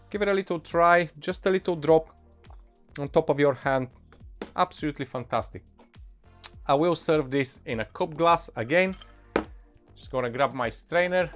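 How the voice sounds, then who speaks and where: Male bartender, non-native English accent, slightly high voice, casual tutorial delivery, enthusiastic, music behind. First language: not English. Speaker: bartender presenting cocktail recipes. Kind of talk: instructional cocktail tutorial, casual. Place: indoor bar set, behind counter.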